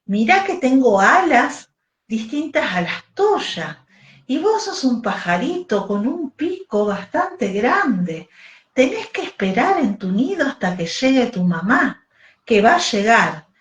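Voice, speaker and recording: A woman with a Rioplatense accent voicing a gentle, patient female butterfly who explains things slowly and kindly. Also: a little high, very animated. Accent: Rioplatense Spanish. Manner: slow, soft, kindly explaining. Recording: echoey room.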